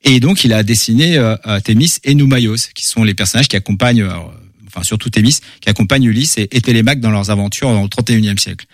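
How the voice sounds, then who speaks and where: Male comic author, quick, animated, filler-heavy casual talk, dry mic. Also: fairly low pitch, no room sound. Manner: animated, many fillers and repeated words. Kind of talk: casual interview chat.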